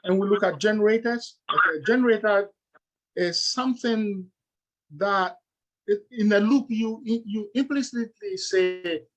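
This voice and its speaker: A middle-aged Ghanaian-accented man lectures at a measured pace, his somewhat bright voice pitched a little high for a man. He explains things step by step, pausing often on "uh" and "okay," and the recording is rough.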